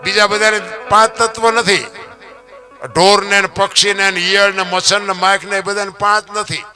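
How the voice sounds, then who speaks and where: A high-pitched man delivers a moralizing folk storytelling talk. He preaches, fires off rhetorical questions and slips into half-sung lines. A guitar plays clearly beneath his voice. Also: little pitch movement, normal speed, bright, forceful tone. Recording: clear guitar music under the voice. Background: guitar music playing.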